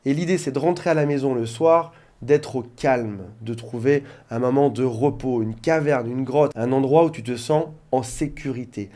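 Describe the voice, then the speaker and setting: A man's voice: mid-range voice, moderate pace, hardly any pauses, mellow. A man working as a relationship coach, explaining things directly to his viewers in an informal talk, with joking asides. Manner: jokey asides.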